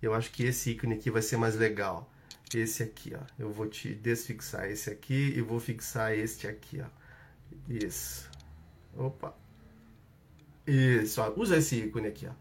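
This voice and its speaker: A man's voice: on the low side, steady tone, a little slow, a little hiss or hum. A man with a Brazilian Portuguese accent who coaches a live audience through an exercise. He repeats his instructions and checks in with short tags. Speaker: coach hosting a live session.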